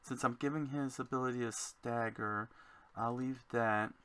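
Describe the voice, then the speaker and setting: A man designing a card game, thinking aloud to himself in a slow, musing way as he works. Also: mid-range voice, steady tone, fairly bright tone, clear, resonant tone.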